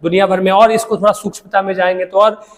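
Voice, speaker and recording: A man teaching a Hindi lesson, explaining slowly with pauses and checking in with "theek hai". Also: sits high, level tone, long reverb tail. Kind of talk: classroom lecture.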